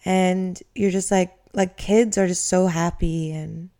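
A woman's voice: lowish voice, steady tone, slow, background noise. A woman chatting casually as a podcast co-host, opinionated and teasing. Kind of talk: casual chat.

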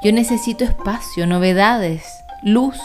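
A woman's voice: mid-range voice, unhurried, soft background music, close to an everyday voice. A woman voicing a restless, fed-up father bat in a storybook reading, talking in an exasperated, insistent way.

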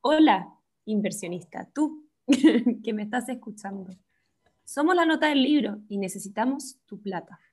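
A soft, hypnotic guide voice coaxes the listener along slowly, hushed and drawn out, put on by a Chilean woman. It sounds like a mock guided meditation, with a fairly high pitch. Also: animated, husky. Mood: coaxing. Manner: slow, hushed, drawn-out delivery.

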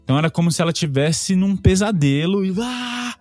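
A man's voice: on the high side, fast, a little mellow, dry recording, soft background music. A Brazilian man in his thirties, a podcast co-host telling an emotional family story with many restarts and repeats. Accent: Brazilian Portuguese.

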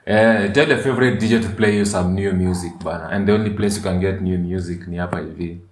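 A man's voice: low voice, steady tone, fast talker. A man with a Kenyan accent hosting a podcast in casual, slangy chat, often repeating words. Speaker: podcast and radio host. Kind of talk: casual chat mixing English and Swahili slang. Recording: roomy echo.

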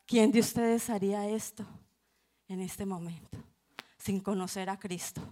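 A woman's voice: mid-range voice, steady tone, measured pace, warm tone. A middle-aged woman giving a church testimony to a congregation, in an impassioned, preacher-like cadence with repeated phrases. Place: church service.

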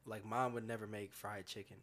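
A man's voice: fairly low pitch, little pitch movement, brisk, crowd noise. A man from the American Midwest in casual podcast chat, laid-back and full of fillers and restarts. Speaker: podcast co-host.

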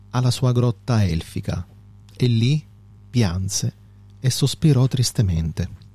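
A man co-hosting a casual literary talk, reading a poem aloud in a measured way and chatting with hesitant fillers. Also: lowish voice, mellow. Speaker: co-host reading poetry.

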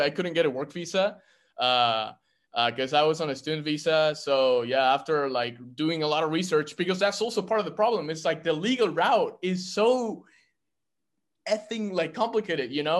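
Speaking a little high, a young actor from Argentina chats informally during a script-reading group discussion. He keeps stopping and starting over, leaning heavily on fillers.

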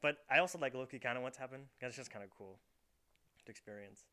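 A young man speaks fast in a mid-range voice that is pushed and bright, clear and resonant. Hosting a casual bedroom podcast recorded by a camera in the room, he tells meandering stories full of fillers.

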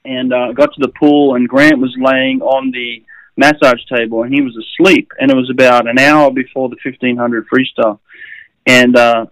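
A middle-aged Australian man, a swimming coach and former swimmer, telling animated anecdotes in casual conversation, with frequent restarts and fillers. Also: medium pitch, normal speed, gravelly, no room sound, low-quality recording. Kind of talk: casual storytelling.

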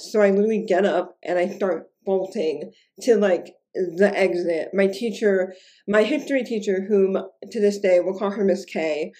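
A woman's voice: medium pitch, warm tone. A young woman telling a personal story in a casual, rambling way, with lots of fillers and restarts, earnest and emotional. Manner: chatty, fast rambling with many fillers and restarts. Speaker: storyteller recounting a personal experience.

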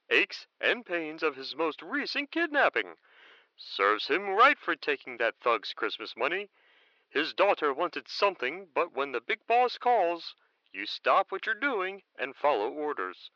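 Man as a mocking, animated disembodied narrator. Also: fairly high pitch, no echo, highs cut off, heavily acted. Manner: playful, mocking storyteller. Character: teasing disembodied narrator voice, gleeful and judging. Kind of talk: theatrical scripted narration.

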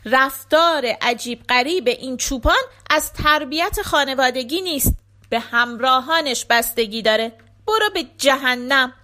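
A woman voicing a wise, stubborn merchant's wife who speaks firmly and calmly in a folktale reading. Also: high voice. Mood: defiant.

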